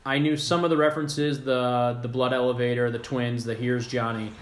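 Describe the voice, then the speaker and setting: A man's voice: mid-range voice, level tone, normal speed. A man co-hosting a casual podcast, talking in an enthusiastic, rambling, jokey way. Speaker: podcast co-host. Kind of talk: casual chat. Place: apartment room. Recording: echoey room.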